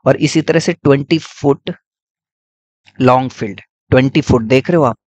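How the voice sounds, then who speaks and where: A man's voice: mid-range voice, normal speed, a little mellow, no echo. Man patiently explaining grammar. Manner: explains patiently, repeats points, checks in with frequent 'theek hai'. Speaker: English grammar teacher. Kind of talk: classroom-style grammar lesson.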